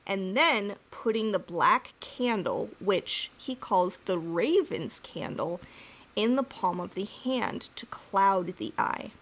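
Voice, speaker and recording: Fairly bright and mid-pitched, this woman co-hosts a podcast, joking, laughing and wandering off topic in casual conversation. Afterward she reads a summary of the episode's plot.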